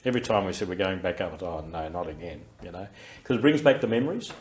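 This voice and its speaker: An older Australian war veteran, deep-voiced, loud and carrying, reminisces in a recorded oral history interview. He's expressive yet reflective, recalling things unhurriedly with many fillers and restarts.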